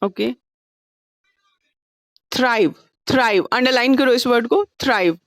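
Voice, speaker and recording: Over a video call, a woman teaches an online class, patient and coaxing with her students as she mixes English terms into her Hindi. Her voice is on the high side and a little slow, and the recording is dry.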